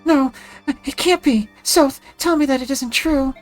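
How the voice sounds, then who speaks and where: A woman's voice: high-pitched, a little slow, soft background music. A woman playing a grief-stricken, accusing queen mother in a video game, anguished and exclamatory. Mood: despairing. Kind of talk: melodramatic video game dialogue reading.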